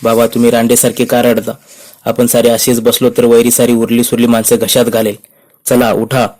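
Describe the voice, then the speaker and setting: A man's voice: medium pitch, monotone, normal speed, a little mellow, close to an everyday voice. A man reading as a grieving, steadfast noble widow. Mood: stern. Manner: lamenting, then stern and commanding.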